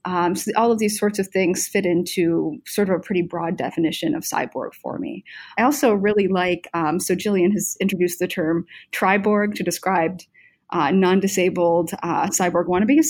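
A woman with a somewhat low voice speaks on a panel. Her explanation is academic yet conversational. She hesitates often, feeling her way toward the right term. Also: steady tone, normal speed, darkish tone. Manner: hesitant, searching for words.

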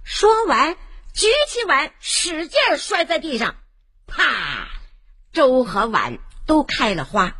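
Animated, slow-paced woman storyteller. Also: high-pitched. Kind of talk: children's story narration.

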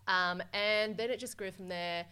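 A woman's voice: mid-range voice, moderate pace, clear, resonant tone. A young woman from Hong Kong, talking candidly and energetically about her work as a business coach in a podcast interview. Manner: energetic, candid, casual swearing.

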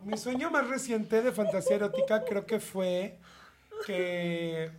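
A woman's voice: medium pitch, unhurried, a crowd in the background. A woman with a Mexican accent, co-hosting a podcast and reading out questions in a teasing, joking way. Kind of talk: casual podcast chat. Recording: audible background noise.

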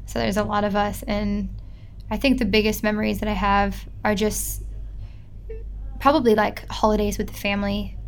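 Chatty Midwestern woman with a gravelly edge. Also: medium pitch, level tone, moderate pace, slight background noise. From Midwest United States. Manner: chatty, lots of filler "like". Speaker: guest. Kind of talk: casual interview.

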